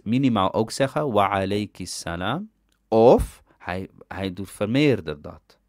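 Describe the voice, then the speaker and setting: Slow, animated man teaching Arabic grammar. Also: on the low side, no room sound, studio quality. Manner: explains step by step, asks "ja?" to check understanding. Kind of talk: recorded language lesson.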